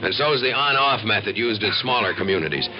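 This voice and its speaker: An American man, fast-talking and lively in intonation, portrays an earnest, assured civil defense expert who narrates and explains a 1950s radio documentary in a folksy, emphatic way. His voice is lowish and natural. Crowd noise and music sit in the dull old radio recording.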